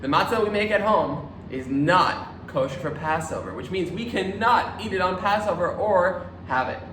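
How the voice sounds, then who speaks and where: A man's voice: high voice, normal speed. A man in his thirties giving an upbeat, projected introduction as presenter of a children's video. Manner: emphatic, projected delivery. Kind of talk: upbeat promotional introduction to camera. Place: indoor room with bookshelves. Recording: echoey, distant mic with room noise.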